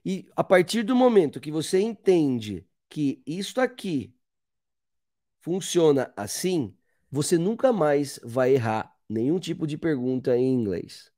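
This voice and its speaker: A man with a slightly raised speaking pitch teaches English grammar, walking the viewer through each step. He keeps pointing at his examples and answers his own rhetorical questions. The sound is close and dry, with no room echo. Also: big pitch swings, measured pace, warm tone. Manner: explains step by step, often pointing with "ó". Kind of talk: whiteboard grammar lesson.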